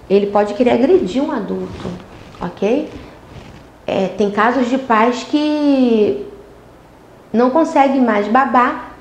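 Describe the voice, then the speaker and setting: Lady teaching an online class, kinda high voice, roomy echo, keeps saying ok?. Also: a little hiss or hum. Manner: emphatic, repeats "ok?" and acts out parent talk.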